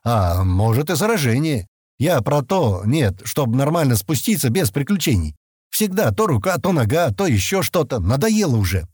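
A grouchy, impatient male space explorer grumbles and mocks in curt bursts, as a male reader puts him on. His husky voice swings lively in pitch. The recording is dry and close. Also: normal speed, no echo. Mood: grumpy.

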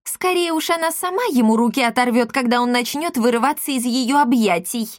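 A woman voicing a scornful matchmaker who mocks the bride's family and hurries off, in a high drawn-out voice. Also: no room sound, clean studio sound, lightly acted. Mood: mocking. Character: shrill matchmaker woman, mocking and quick to flee.

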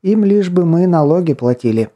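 Man doing a timid woman shopkeeper about thirty, eager to help, raised pitch, mellow, audiobook. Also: animated, moderate pace, highs cut off.

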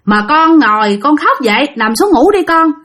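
A woman voicing an old grandmother who coaxes and gently scolds. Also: high voice, big pitch swings, moderate pace, pitched above the performer's own voice. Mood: coaxing. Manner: coaxing, scolding softly. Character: old grandmother, kindly and bossy.

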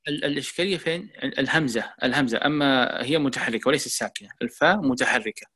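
Fast-talking male religious teacher. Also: medium pitch, bright, forceful tone, slightly rough. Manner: measured, explanatory, repeats words for emphasis. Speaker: Quran teacher. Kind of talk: religious lecture and Q&A.

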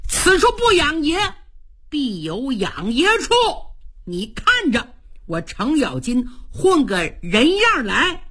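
A woman voicing a hot-tempered male general who complains loudly and quickly in a husky voice. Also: high voice, wildly swooping pitch, exaggerated voice. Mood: sulky. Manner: indignant, quick, loud complaining.

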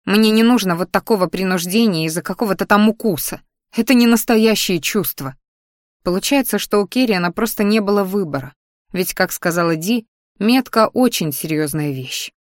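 A woman reading a romantic fantasy audiobook in the first person, at an even, measured pace. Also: medium pitch, no room sound, clean studio sound. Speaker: audiobook narrator.

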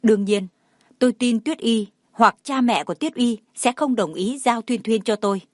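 A woman voicing a reserved father who speaks in a calm, clipped way. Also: fairly high pitch, moderate pace, no room sound, clean studio sound, natural voice. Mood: cool. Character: reserved father, cool and curt.

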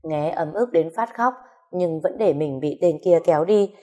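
A woman narrating an audio story with steady, measured storytelling. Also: on the low side.

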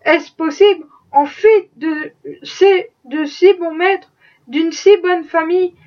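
A woman's voice: extremely high pitch, steady tone, slow, dull audio. A woman voicing a kindly, fretful old male factory owner with flustered, fatherly concern.

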